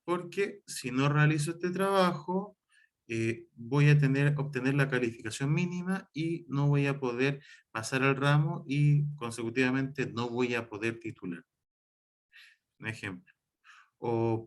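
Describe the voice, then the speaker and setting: A man from Chile teaching an online class on ethics and writing, explaining step by step with frequent fillers and self-corrections. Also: mid-range voice.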